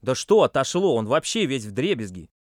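A man's voice: medium pitch, very animated, normal speed, no room sound, clean studio sound, natural voice. A man voicing a bossy boy who gives curt, demanding orders. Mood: brusque. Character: bossy commanding boy leader.

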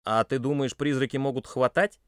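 A man voicing a level-headed boy who talks quietly and clearly, with doubt. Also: medium pitch, fairly even intonation, fairly quick, no echo, studio quality, lightly acted. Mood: doubtful.

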